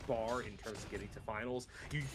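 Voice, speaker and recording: A man giving analytical esports commentary in a measured way, explaining the tactics behind each fight. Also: on the low side, fairly even intonation, over music.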